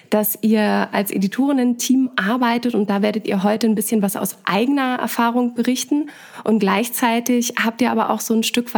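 Podcast host lady, gravelly voice, chatty, lots of ums. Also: mid-range voice, a little mellow. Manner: chatty, hesitant with fillers. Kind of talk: casual interview.

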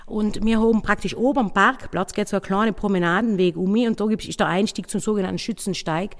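A woman innkeeper with a South Tyrolean German accent, telling her own story in a halting, casual way, often searching for words. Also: medium pitch, in a large hall. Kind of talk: personal account, casual spoken.

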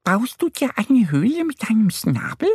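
A man voicing a curious, cheerful young female duck in a children's story, with a high, squeaky, chirpy voice. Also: big pitch swings, moderate pace, husky, no room sound, clean studio sound, full character voice.

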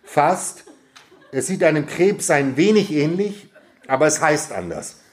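A man voicing a warm, proud father who gently praises his children during a family quiz in a storybook reading. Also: fairly high pitch, very animated, unhurried. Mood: coaxing. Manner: fond, generous praise.

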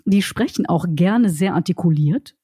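A woman imitating a stiff, pedantic man who speaks low, in few tones and very articulately. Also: moderate pace, slightly rough. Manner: very articulate, monotone, correcting.

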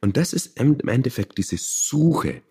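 Male meditation teacher being interviewed, low, dark and husky voice, calm and searching for words. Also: a little slow. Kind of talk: interview conversation.

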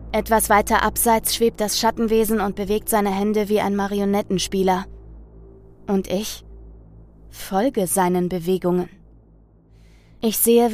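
A woman's voice: mid-range voice, a little mellow. A woman narrating a first-person horror story in a tense, dramatic storytelling manner.

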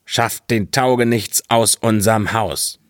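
A man's voice: fairly low pitch, a little slow, no echo, studio quality, close to an everyday voice. A man voicing the frightened, agitated wife of a village sexton in a fairy-tale audiobook. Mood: anxious, upset. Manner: agitated, pleading.

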